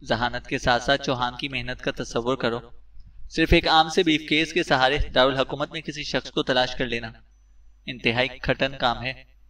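Guy voicing a shrewd spy boss, brisk and bossy, a bit off-mic. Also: medium pitch, steady tone, pushed and bright, distant mic, close to an everyday voice, poor audio. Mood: thoughtful. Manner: brisk and commanding. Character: shrewd male secret service chief giving orders.

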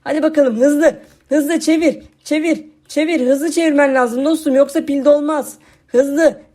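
High-voiced woman, excited gameplay host, cheery and encouraging. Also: normal speed. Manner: cheery, urging on, addresses viewers as friends. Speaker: gaming channel host.

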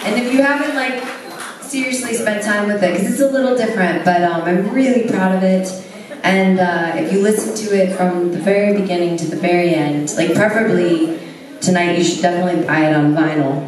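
A woman's voice: fairly low pitch, a little fast, noisy background. A young woman singer chatting casually with fillers between songs at a concert, into a stage mic. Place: large concert venue, on stage. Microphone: handheld stage mic on a stand. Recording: echoey venue recorded from far off in the crowd. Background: band music and cheering crowd.

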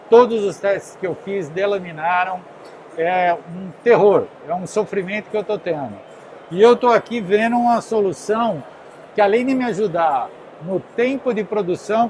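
Host masculino, 40 e poucos, voz alta, perguntas rápidas em feira náutica. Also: male voice, sits high, a little mellow, a little hiss or hum, poor audio. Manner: curious, conversational, quick follow-up questions. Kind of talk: casual interview at a trade show. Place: indoor boat show stand. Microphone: handheld recorder.

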